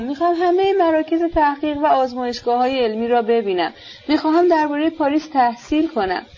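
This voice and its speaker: A woman's voice: sits high, darkish tone, voice pushed up. A woman voicing a proud, impulsive young woman who speaks with passionate, defiant emphasis, in a dull lo-fi recording.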